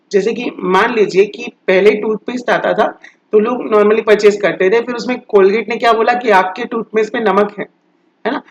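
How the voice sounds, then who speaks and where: Male commerce teacher, high voice, patient lecture delivery, dull lo-fi mic. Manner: explains step by step, often asks and answers his own questions; drags out English definitions slowly, as if dictating. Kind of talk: recorded classroom lecture. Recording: dull lo-fi sound.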